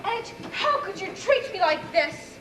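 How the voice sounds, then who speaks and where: A young woman playing shrill jealous Sybil. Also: very animated, moderate pace. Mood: indignant. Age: young adult. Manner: melodramatic, high-strung. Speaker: school stage actor. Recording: roomy stage audio with audience and noise.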